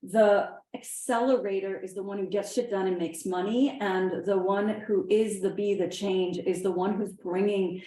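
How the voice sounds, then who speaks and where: A woman hosting an event and telling a motivational story in a casual, expressive way. Her voice is mellow and warm, at a middle pitch. The sound carries a roomy echo from the venue. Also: normal speed, few pauses. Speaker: workshop host.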